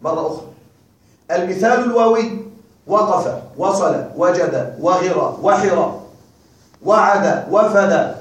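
A male teacher giving a classroom grammar lecture, repeating and drilling examples slowly and quizzing his students. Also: high-pitched. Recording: very echoey room, mic far off.

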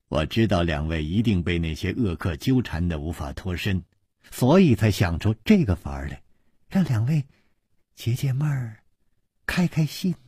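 A man's voice: wildly swooping pitch, measured pace, breathy edge, no echo, clean studio sound, full character voice. A man voicing a masked woman who speaks coldly and sparingly as a graveyard stranger. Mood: teasing. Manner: cold, clipped, low.

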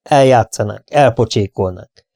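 A man's voice: on the low side, vocal fry, dark tone, dry recording, studio quality. A man reading an audiobook, playing a breezy, flippant young man with a light, offhand manner.

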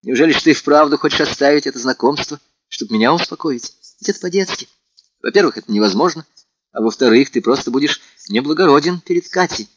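A man's voice: fairly high pitch, animated, fast, dry recording. A man reading an anxious young woman. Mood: gently reproachful. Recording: dull, lo-fi sound.

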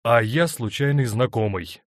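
A man's voice: mid-range voice, animated, normal speed, darkish tone, no room sound, studio quality, lightly acted. A man voicing an impatient, stubborn young man in love, speaking insistently.

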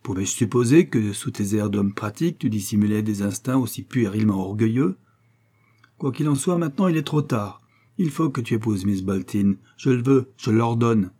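Old inventor dad, man doing the voice, bossy and heated, husky, kinda dark audiobook read. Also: fairly low pitch, expressive, normal speed. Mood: furious. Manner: commanding, heated. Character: domineering old male inventor, quick-tempered father. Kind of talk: audiobook character reading.

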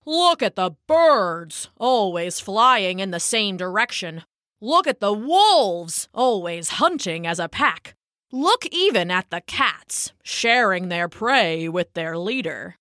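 A woman's voice: medium pitch, big pitch swings, a bit bright, no echo, clean studio sound. A woman doing a bellowing old bullfrog. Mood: grumbling, bossy. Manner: slow bellowing, bossy. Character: grumpy old male bullfrog wanting a king.

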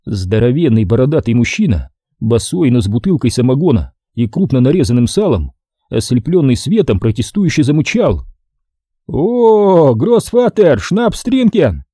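Husky-voiced man reading a story. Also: medium pitch, a little fast, no echo, clean studio sound. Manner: expressive first-person storytelling. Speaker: audiobook narrator. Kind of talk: scripted narration.

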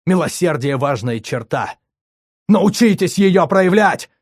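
A male narrator voicing a furious young man who shouts indignantly at his comrades. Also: medium pitch, measured pace, no room sound, clean studio sound, pitched above the performer's own voice, close to an everyday voice. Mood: furious shouting.

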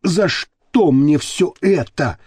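A man's voice: a little high, lively intonation, slow pace, darkish tone, breathy edge, no echo, full character voice. A man reading a nervous, squealing young sidekick in an audiobook.

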